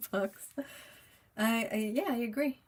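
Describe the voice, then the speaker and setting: Painting during a livestream, a young native French speaker with a French Canadian accent chats casually with her audience, reads their messages aloud, and laughs a lot. She speaks in a higher voice with big pitch swings and drawn-out words.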